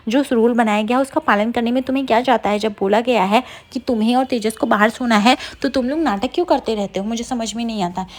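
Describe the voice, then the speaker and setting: A woman's voice: on the high side, fast talker, hardly any pauses, close to an everyday voice. A woman reading as a hurt young wife. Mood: reproachful.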